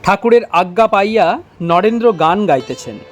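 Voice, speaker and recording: Man narrator, high voice, unhurried devotional reading, soft guitar underneath. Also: animated, muffled recording. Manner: slow, measured recitation. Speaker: reader.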